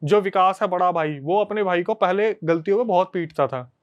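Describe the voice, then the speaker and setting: A man hosting a podcast, telling a story to his friends in a casual, animated way. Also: sits high, moderate pace, highs cut off. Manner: animated, conversational retelling to friends.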